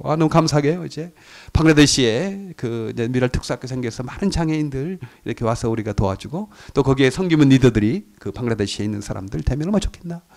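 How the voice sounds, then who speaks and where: A middle-aged male pastor delivers an earnest sermon in a gravelly, mid-range voice. He builds to emphatic peaks and then lets his voice drop soft.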